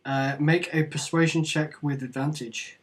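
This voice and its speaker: A dungeon master, relaxed and chatty as he runs the session. His voice sits slightly high for a man, with a light and easy way of talking. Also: a little slow. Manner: casual, chatty narration. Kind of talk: narrating a tabletop game.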